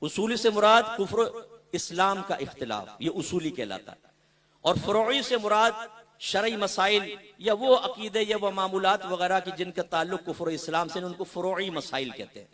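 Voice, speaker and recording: A man preaching a sermon to a gathering as a mufti, impassioned, with loud emphatic runs between quieter asides and anecdotes full of quoted dialogue. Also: high voice, moderate pace.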